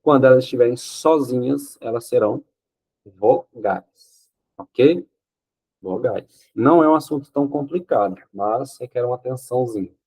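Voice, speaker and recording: A man's voice: mid-range voice, moderate pace, a little mellow, husky. A man teaching Portuguese grammar for an exam, explaining step by step, asking questions and answering them himself, often checking with "ok?". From Brazil. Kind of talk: exam-prep grammar lesson.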